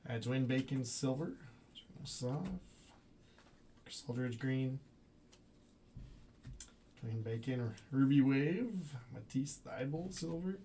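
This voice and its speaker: A man hosting a live card break with casual, slangy, excitable sports-fan chatter. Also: medium pitch, slow, long pauses. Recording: clearly noisy, clicking and rustling.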